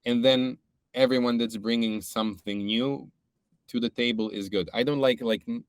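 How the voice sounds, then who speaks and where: A man's voice: medium pitch, fairly even intonation, normal speed, clear, resonant tone, no room sound. A man from Serbia, a podcast guest, talking in a casual, thoughtful way with many restarts. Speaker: podcast guest, startup co-founder. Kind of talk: casual chat.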